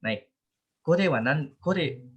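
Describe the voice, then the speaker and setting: A man's voice: on the high side, lively intonation, very slow, dull audio. Chatty man teaching an online class. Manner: chatty, explains with repeated fillers and restarts. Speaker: Japanese language teacher.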